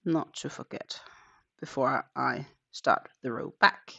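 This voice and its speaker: On a live crochet stream recorded in dull, lo-fi audio, a Danish-born woman in her thirties chats casually and counts her stitches from her home in the Netherlands. She has a rumbling low voice that is slow, sharp-toned and slightly rough, with vocal fry.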